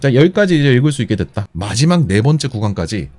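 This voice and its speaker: A man teaching a beatbox lesson step by step, patient and methodical, repeating each instruction slowly. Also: medium pitch, sing-song, heavy background noise. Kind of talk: step-by-step tutorial explanation.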